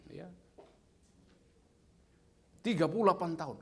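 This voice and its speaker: A man in his fifties giving a lively sermon as guest speaker, quizzing the audience with playful questions. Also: a little high, a little slow, vocal fry, husky.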